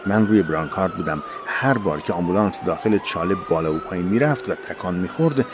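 A man reading a first-person memoir in a solemn, measured voice that often sinks low and soft. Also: animated. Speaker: narrator of a war memoir. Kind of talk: scripted first-person narration.

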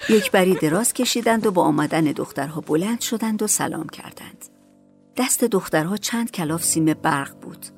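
Woman reading a story out, calm and steady, lowish voice, faint music under. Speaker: narrator. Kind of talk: storybook narration.

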